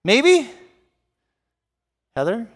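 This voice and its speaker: A man preaching a sermon as pastor, animated and often asking his congregation questions. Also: extremely high pitch, very slow, in a large hall. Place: church sanctuary.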